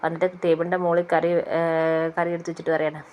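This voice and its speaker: A woman's voice: fairly low pitch, completely flat delivery, fast talker, a little mellow, a little hiss or hum. A woman casually retelling a TV serial episode, rambling on with fillers and repeated "she says" tags.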